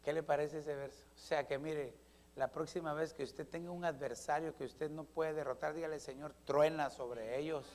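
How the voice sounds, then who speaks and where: High-voiced man preaching a sermon. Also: fairly even intonation, fairly quick. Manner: swings from loud preaching to hushed, soft asides; often adds questioning "¿verdad?" to engage the congregation. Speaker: pastor.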